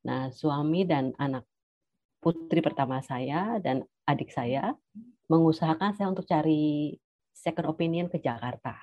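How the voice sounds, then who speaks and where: A middle-aged woman giving a personal testimony as a cancer survivor, hesitant, with many pauses and fillers. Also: sits low, warm tone, no echo, dull audio. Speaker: cancer survivor sharing her story.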